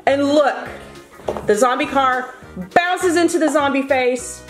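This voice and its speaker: A woman's voice: high-pitched, slow pace. A woman playing with her young son on a kids' toy channel, bubbly and encouraging, laughing often. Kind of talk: playful toy play with her child. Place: living room at home. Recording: roomy sound with background music.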